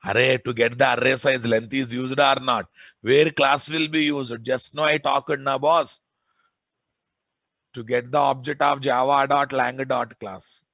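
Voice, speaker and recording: A man with a Telugu Indian accent, speaking as a programming lecturer, gives an informal technical lesson, pressing his points and frequently questioning his students. His gravelly voice sits at a medium pitch with a fairly bright tone, delivered in a level, unhurried way with no echo.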